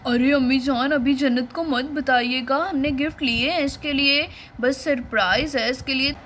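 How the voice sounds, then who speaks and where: Cast a woman as a scheming, joking big brother, high bright voice, doll-play story. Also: fairly even intonation, moderate pace, a little hiss or hum. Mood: teasing. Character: teasing older brother, young man.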